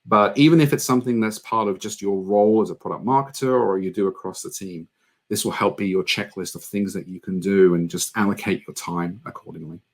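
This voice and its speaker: Brief: man, lowish voice, conference speaker, earnest conversational delivery with filler ums. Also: fairly quick. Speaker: conference speaker on product marketing. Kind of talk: online conference presentation.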